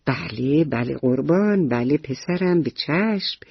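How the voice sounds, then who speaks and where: A woman storyteller voicing an easygoing, gently teasing father in a bedtime radio story, speaking slowly and good-naturedly. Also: low-pitched, lively intonation, husky, no echo, muffled recording, heavily acted.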